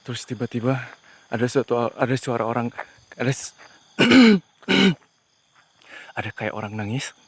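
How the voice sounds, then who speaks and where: A man hosting a ghost-hunting vlog outdoors at night, talking to viewers in a tense, hushed way as he explores. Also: mid-range voice, steady tone, moderate pace, long pauses, slightly rough. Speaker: paranormal investigator host.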